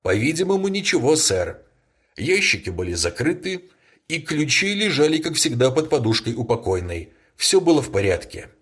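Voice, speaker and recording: Formal, matter-of-fact police inspector, husky mid-range voice, voiced by a male reader. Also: medium pitch, very animated, normal speed, a bit bright, voice pushed up. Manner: polite, matter-of-fact reporting.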